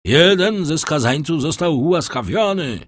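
A man's voice: a little high, expressive, unhurried, dry recording, voice pushed up. A man voicing the solemn leader of a penitent brotherhood who proclaims a pardon in a raised ceremonial voice. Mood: solemn proclaiming.

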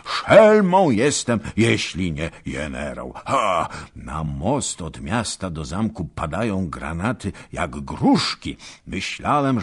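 Man playing a puffing old braggart noble, storybook, husky and lively. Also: low voice, heavily acted. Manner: panting, rambling, exclaiming. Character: garrulous old nobleman, boastful and breathless.

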